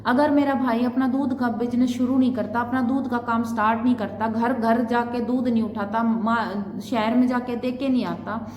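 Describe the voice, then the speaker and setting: A woman's voice: on the high side, fairly even intonation, moderate pace, hardly any pauses, a little mellow. A woman in her thirties, a vlogger, telling a personal story in an earnest, repetitive way. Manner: earnest, repetitive, quotes others' words. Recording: echoey room with long reverb, faint noise.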